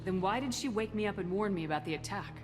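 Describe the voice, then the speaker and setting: An actress playing a composed, fair-minded military commander in a video game, direct and controlled. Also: female voice, mid-range voice, expressive, quick pace, over music, close to an everyday voice. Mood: firm, composed.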